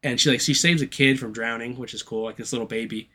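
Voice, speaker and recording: Male podcast co-host, mid pitch, casual and profane, rambling through a plot recap. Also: steady tone, quick pace, sharp tone. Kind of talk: casual chat.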